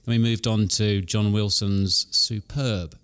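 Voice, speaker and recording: A man's voice: on the low side, fairly even intonation, takes it slowly, a bit bright, clear, resonant tone. A man chatting casually on a conference panel, enthusiastic and rambling with restarts.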